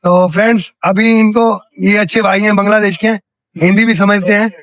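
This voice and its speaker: A man's voice: sits high, steady tone, a little fast, a bit bright, dry recording. A young Indian man from India hosting a street interview vlog outdoors in a city square, chatty and repeating answers back for his viewers. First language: Hindi. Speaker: travel vlogger interviewing a worker.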